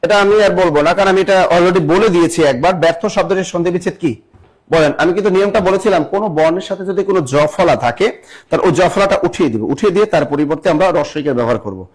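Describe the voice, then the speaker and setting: A young adult man teaching a live online exam-prep class, spelling words out slowly, quizzing viewers and reading their comments aloud. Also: high voice.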